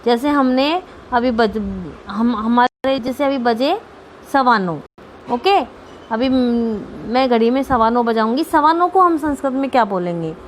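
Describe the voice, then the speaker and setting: High-voiced woman teaching a patient lesson. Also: unhurried, slight background noise. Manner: patient, repeats terms and checks understanding. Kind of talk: Sanskrit grammar lesson for students.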